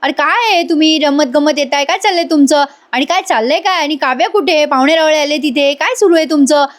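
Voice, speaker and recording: A woman's voice: high-pitched, brisk, pitched above the performer's own voice, natural voice. A woman voicing an impatient middle-aged father who scolds his sons in front of guests. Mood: annoyed.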